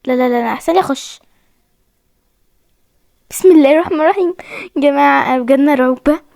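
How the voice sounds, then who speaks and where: In this gaming video, a young Egyptian host talks to her viewers while playing a horror game, her Egyptian Arabic accent clear as she keeps saying she's scared. Her voice is high-pitched yet gravelly and darkish, and her pace is quick. The sound is clean studio audio with no room sound.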